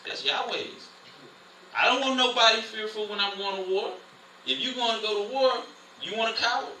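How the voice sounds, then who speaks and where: A man leading an informal Bible study, preaching in a lively, conversational way. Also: high-pitched, normal speed. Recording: roomy, distant, faint noise.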